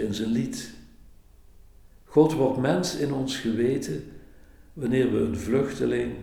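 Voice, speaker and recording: A man preaches with a slow, solemn, measured voice of mellow, darker tone. His words hang in the long echo of a very reverberant church hall, as if he stood at the pulpit. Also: mid-range voice, creaky. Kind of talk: sermon and children's story.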